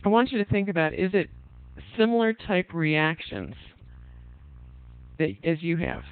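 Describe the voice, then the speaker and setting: Over a tinny, phone-like connection that stays dry, a man runs an online parenting class lecture, reading participants' answers aloud and asking the group questions. He sounds smooth and fairly high, measured in pace, relaxed and full of ums.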